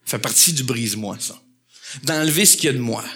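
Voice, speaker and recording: A man with a Québécois accent preaching a sermon, animated and repeating words for emphasis. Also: medium pitch, quick pace. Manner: animated preaching with acted quotes and emphatic repetition. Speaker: pastor.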